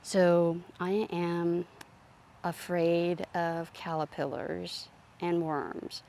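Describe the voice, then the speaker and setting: A woman calmly narrating a casual tour of her home garden outdoors, explaining her plants as she walks. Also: on the low side, extremely slow, gravelly. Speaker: gardening vlogger.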